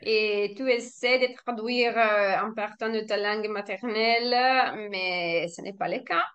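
A native Italian speaker with an Italian accent chats casually in French as a learner and guest, hesitating, often restarting and laughing. Her medium-pitched voice is unhurried and a bit bright, with the highs cut off.

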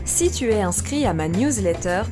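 A young French woman hosting a podcast for language learners, speaking in slow, clear, scripted narration. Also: medium pitch, animated, over music. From France. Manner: slow, clear, careful delivery. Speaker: podcast host, French teacher.

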